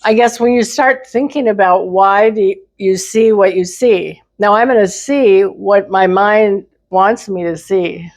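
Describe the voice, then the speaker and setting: A woman's voice: medium pitch, unhurried, few pauses. An older woman in casual elderly couple banter, hesitantly thinking aloud as she talks. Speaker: co-host in a couple's discussion.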